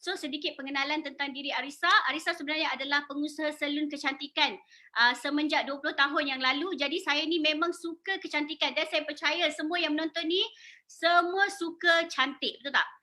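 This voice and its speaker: Her voice is high and sharp, a little fast, with fairly even intonation. The Malaysian-accented salon owner, in her forties, makes a persuasive sales pitch, asks her listeners questions, and sprinkles in English words.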